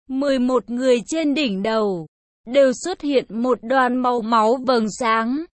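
A woman narrating a fantasy audiobook in an even, unhurried reading style. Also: high voice, dry recording. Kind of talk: scripted narration.

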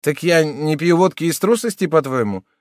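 A man's voice: moderate pace, dry recording, clean studio sound, lightly acted. Man doing a furious, reckless drinker. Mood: angry defiant. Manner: shouting, high and strained. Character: drunk, desperate man turning reckless and defiant.

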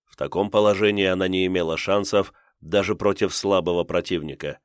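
A man reading an audiobook as narrator in steady, tense storytelling. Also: deep voice, fairly quick, smooth, no echo, clean studio sound.

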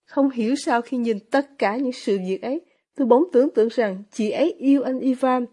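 A woman voicing a gentle, earnest young man in a storybook reading, pained and halting. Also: on the high side, husky. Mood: remorseful.

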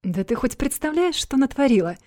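A woman's voice: sits high, big pitch swings, a little fast, warm tone, no room sound, clean studio sound, voice pushed up. A woman reading as a snappish young male photographer. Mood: angry. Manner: snapping, scornful. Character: irritable young male photographer, rude and wounded.

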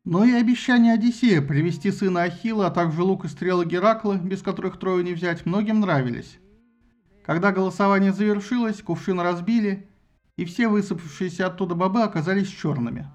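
A man reading an audiobook with lively, ironic storytelling. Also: high-pitched, fairly quick, soft background music. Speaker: narrator. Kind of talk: audiobook narration.

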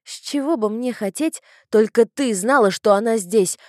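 A woman's voice: fairly high pitch, normal speed, dry recording, studio quality, natural voice. A woman reading an audiobook, voicing a frightened young woman who accuses with a trembling voice. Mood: accusing. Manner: shouting accusations.

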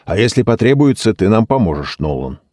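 A man voicing an eager, excitable village man who exclaims loudly. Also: fairly low pitch, a little fast, no echo, studio quality, pitched above the performer's own voice.

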